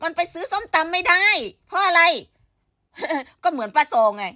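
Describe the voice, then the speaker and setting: A woman's voice: extremely high pitch, expressive, moderate pace, pushed and bright, no room sound, studio quality. A woman giving blunt, scolding gossip commentary full of rhetorical questions. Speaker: online commentator.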